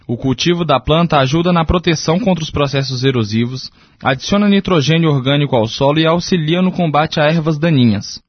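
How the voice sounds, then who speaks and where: Man, news reader, somewhat high voice, dry muffled sound. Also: brisk, slightly rough, no room sound. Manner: even, read-aloud delivery. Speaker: radio reporter. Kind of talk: scripted news narration. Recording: dry, dull lo-fi radio sound.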